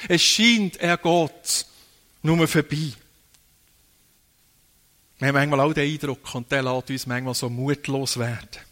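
A man's voice: medium pitch, fairly bright tone. A man preaching a sermon, dwelling on phrases and repeating key words for emphasis.

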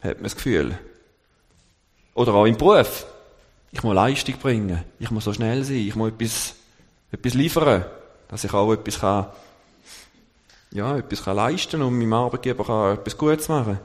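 A man giving a sermon at a halting pace, searching for words and slowing down for scripture quotes. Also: fairly low pitch. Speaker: lay preacher. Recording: long church reverb.

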